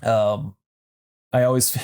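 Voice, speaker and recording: Male co-host, 30s, mid-range voice, measured and hesitant delivery. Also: mid-range voice, level tone, darkish tone, clear, resonant tone. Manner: thoughtful, hesitant, many fillers. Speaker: podcast co-host. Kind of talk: casual chat.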